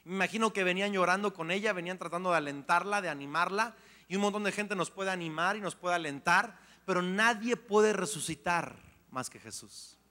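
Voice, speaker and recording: A man preaching a sermon as pastor, animated and playful, acting out little voices along the way. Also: high-pitched, fairly quick. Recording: long hall reverb.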